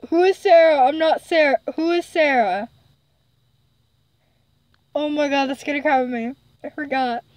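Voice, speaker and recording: A woman's voice: high voice, moderate pace, long pauses, darkish tone, no room sound, rough recording. Jumpy woman gaming with a dry voice. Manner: jumpy, often exclaims in fright; reads on-screen game text aloud. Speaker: gamer playing a horror game. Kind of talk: casual let's-play commentary.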